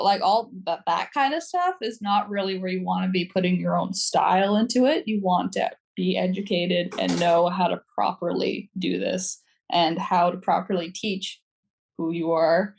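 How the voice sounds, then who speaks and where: A woman's voice: fairly low pitch, creaky. Chatty young woman podcast guest. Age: young adult. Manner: chatty, laughs between phrases, says "like" often. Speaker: youth advisor guest. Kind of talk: casual podcast chat.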